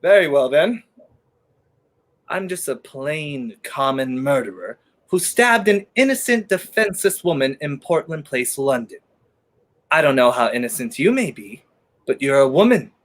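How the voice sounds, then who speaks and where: In a 1930s radio play, a young adult man voices a brash, commanding fugitive who has been wrongly accused and is on the run. His mid-range voice swings widely in pitch at a measured pace, carrying sardonic menace and urgency.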